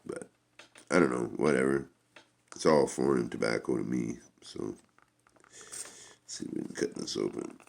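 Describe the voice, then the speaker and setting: Male reviewer, extremely low voice with gravelly fry, rambling and halting, casual unscripted delivery. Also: darkish tone. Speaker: product reviewer.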